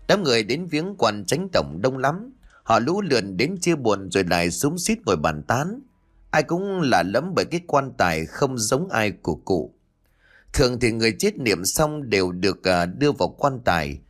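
A man narrating a ghost story dramatically. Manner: dramatic, with lively pitch swings.

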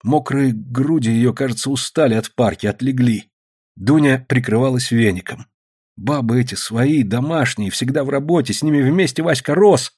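A man narrating an audiobook in an expressive storytelling manner. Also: mid-range voice, moderate pace, slightly rough.

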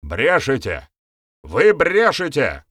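A man's voice: mid-range voice, sing-song, moderate pace, no room sound, clean studio sound, close to an everyday voice. A man voicing a nervous, lying male villager who whines and protests shrilly. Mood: panicked.

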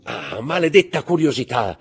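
A man's voice: medium pitch, sing-song, moderate pace, vocal fry, breathy edge, faint music behind, voice pushed up, exaggerated voice. A man voicing a frantic noble Parisian mother, pleading and crying out, in an audiobook reading. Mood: anxious. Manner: pleading, breathless, cries out.

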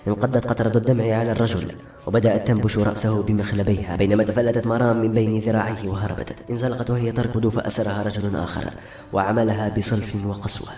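A man reads a fantasy novel aloud in a steady, quick storytelling flow. His voice sits low and mellow. The recording is roomy, with soft music playing underneath. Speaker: narrator. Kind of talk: audiobook narration of a fantasy novel.

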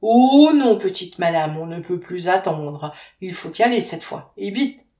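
A woman's voice: fairly low pitch, normal speed, lightly acted. A woman playing an alarmed, urgent male doctor. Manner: urgent, loud exclamation. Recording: roomy echo.

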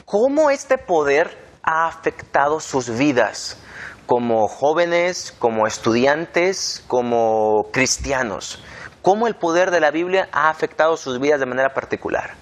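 A young man hosts a relaxed panel chat. His voice sits a bit high for a man. He speaks earnestly and at a measured pace, repeating key points to drive them home. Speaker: host. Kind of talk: relaxed panel discussion hosting.

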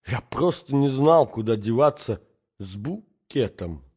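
A man's voice: mid-range voice, lively intonation, unhurried, mellow, breathy edge, lo-fi sound, pitched above the performer's own voice. A man doing a befuddled elderly prince. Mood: muddled. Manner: bewildered, agreeing vaguely.

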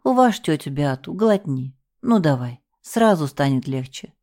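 A woman's voice: low-pitched, animated, measured pace, warm tone. A woman doing a cooing, doting cook. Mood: coaxing. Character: fussing motherly cook, sweet and coaxing.

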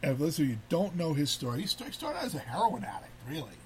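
A man's voice: a little high, fast talker, slight background noise. Rambling talk show host man. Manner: rambling, repeats words, animated. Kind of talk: casual talk show chat.

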